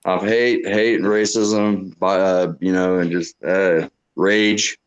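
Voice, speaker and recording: A middle-aged man co-hosting a casual political chat, speaking haltingly with frequent restarts. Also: low voice, steady tone, clear, resonant tone, highs cut off. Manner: halting, restarts, agreeing interjections. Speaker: co-host.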